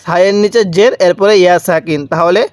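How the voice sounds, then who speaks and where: A man's voice: sits high, fairly quick, dry recording. A man teaching Quran reading step by step, drawing out syllables and repeating letter sounds for the viewer to say back. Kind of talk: step-by-step recitation lesson.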